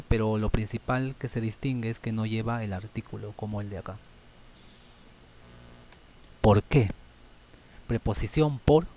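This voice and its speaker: A man teaching a grammar lesson, thinking aloud and ending phrases with quick checking questions, with many fillers. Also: fairly low pitch, darkish tone, a little hiss or hum.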